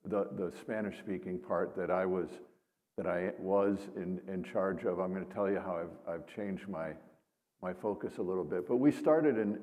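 A seminary professor and missionary pastor gives an informal presentation to a congregation in a large indoor church. He's an older man with a deep, slightly mellow voice, and the hall's reverberation leaves a long echo.

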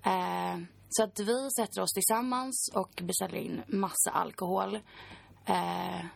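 A woman's voice: medium pitch, fairly even intonation, vocal fry, no echo. A woman in her twenties, a podcast guest, recounting a personal story in a chatty way full of fillers.

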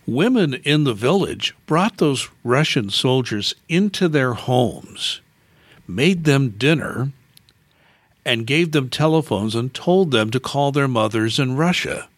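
A man hosting an interview, asking long, deliberate questions in a measured way. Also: medium pitch, lively intonation, no echo. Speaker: host. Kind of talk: radio interview.

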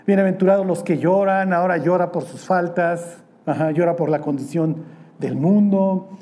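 A man's voice: on the high side, dark tone. A man preaching a casual sermon to young people, conversational and teasing, with slang.

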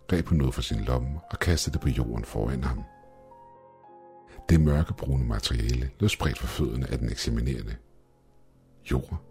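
A man narrating a first-person horror story in a measured, steady way. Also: rumbling low. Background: faint background music.

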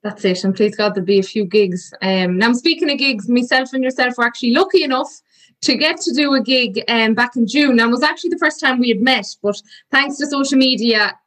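A woman podcast host with a west of Ireland accent and a fairly high voice. She talks in a chatty, conversational interview style. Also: a little fast, fairly bright tone, low-quality recording.

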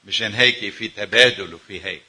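Lebanese guy preaching, really sharp intense voice, kinda husky, keeps asking the crowd questions. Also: lowish voice, fast talker. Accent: Lebanese Arabic. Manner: emphatic, with rhetorical questions to the audience. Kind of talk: sermon to a congregation.

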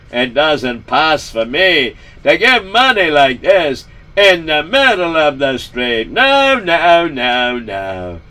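A pompous, temperamental rich tycoon, as a man puts him on, his voice pitched high and pushed loud. He drags out his indignant exclamations with a haughty, demanding manner and a bright, sharp edge. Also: sing-song, takes it slowly, distant mic, heavily acted. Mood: condescending. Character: arrogant rich older man, boastful and temperamental.

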